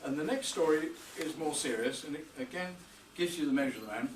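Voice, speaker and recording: A man's voice: a little high, expressive, brisk. Older man giving a tribute speech. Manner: dry humour, storytelling pace. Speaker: speaker giving a birthday tribute. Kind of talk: after-dinner speech with anecdotes. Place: hotel reception room. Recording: roomy, distant, noisy function room.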